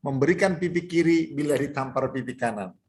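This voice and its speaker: A man moderating a worship session, casually reading out a viewer's question in a soft voice. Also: mid-range voice, a little fast.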